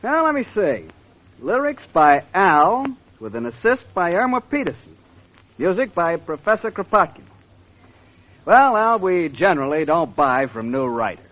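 A man's voice: sits high, expressive, unhurried, full character voice. A man playing a slick, wheedling crooked music publisher, in 1940s radio comedy style, on a dull old recording.

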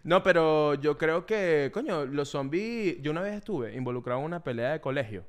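A man's voice: on the high side, expressive, normal speed, clear, resonant tone. A young man with a Venezuelan accent, co-hosting a casual podcast chat and telling stories with jokes and frequent laughs. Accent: Venezuelan Spanish. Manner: joking, storytelling, laughs often. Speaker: podcast co-host.

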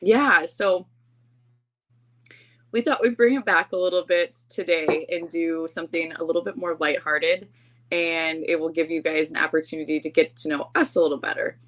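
A woman's voice: low voice, steady tone, normal speed. A woman co-hosting a podcast in casual chat, talking in an informal, chatty, self-deprecating way. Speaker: podcast co-host.

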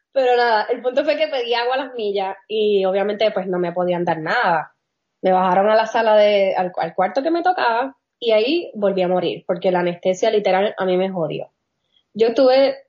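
Woman, casual storytelling, animated, slips into English, dull lo-fi sound. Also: medium pitch. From Puerto Rico. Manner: animated, laughs often, mixes in English phrases. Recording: dull lo-fi audio.

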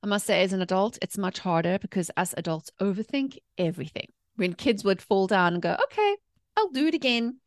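On a podcast, a mindset coach and author in her forties with a South African accent shares personal stories conversationally, chatty and emphatic. She speaks expressively and fairly quickly in a mid-range voice, captured in clean studio audio with no echo.

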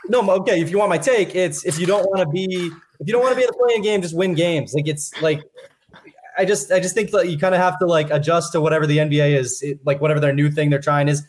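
Hesitant man, slightly high voice. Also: quick pace. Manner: hesitant, filler-heavy. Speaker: podcast co-host. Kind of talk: casual sports podcast chat.

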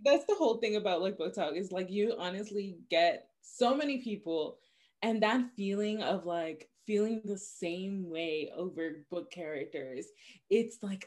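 A woman of about twenty-five co-hosting a podcast in casual chat, earnest and heartfelt, speeding up when excited. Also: mid-range voice. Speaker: podcast co-host.

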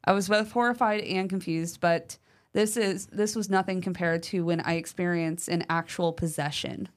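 This paranormal podcast co-host has a fairly low-pitched voice and talks at normal speed. She's casual and chatty, leaning on fillers such as "um" and "like," and reads a listener's letter aloud with lively stress.

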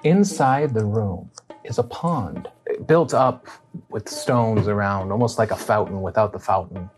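A woman's voice: a bass voice, measured pace, a little mellow, soft background music. A woman narrating as game master of a tabletop game, describing scenes in an easygoing way with fillers and restarts.

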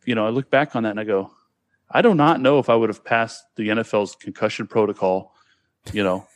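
The recording is clean studio sound with no room noise, capturing a Californian man in his forties with a lowish voice. He talks fairly quickly, sharing childhood stories in a slangy, casual way full of "dude" and "bro," in a Californian American accent.

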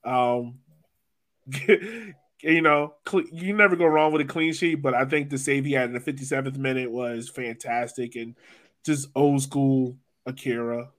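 Hosting a laid-back soccer podcast, this American-accented sports host from Virginia talks informally and uses plenty of slang. He speaks a little slowly, with a medium pitch and a fairly bright tone.

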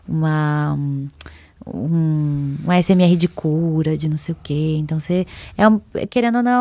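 A woman's voice: sits low, mellow, no echo. A young woman chatting casually as a podcast guest, rambling and giggly, often cutting herself off. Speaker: podcast guest, ASMR content creator. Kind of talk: casual chat.

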